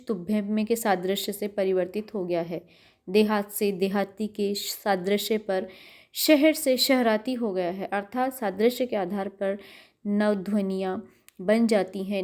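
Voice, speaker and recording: A woman's voice: medium pitch, a little mellow. A middle-aged woman lecturer giving a recorded university lecture, explaining carefully and repeating words to show their pronunciation. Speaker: college lecturer.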